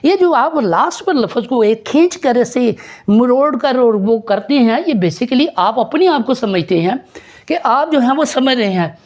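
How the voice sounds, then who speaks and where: A man's voice: very high voice, lively intonation, measured pace, lo-fi sound. A man from Pakistan teaching an English pronunciation lesson, spelling words out letter by letter and mixing English phrases into his explanations.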